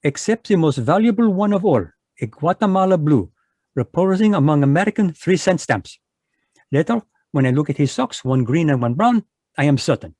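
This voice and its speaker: A man performs a pompous, polite, and smug middle-aged Belgian detective for a vintage radio play, layering on a put-on French accent. His pitch sits on the high side, his delivery is very animated at a moderate speed, and the tone is darkish. It's a dry recording made with a video call microphone.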